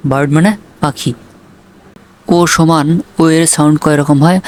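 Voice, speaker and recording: A man's voice: fairly high pitch, steady tone, a little hiss or hum. A man teaching English spelling and pronunciation, spelling words out letter by letter, then asking what each means and answering himself. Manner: asks questions then answers them himself; slow, deliberate spelling of words.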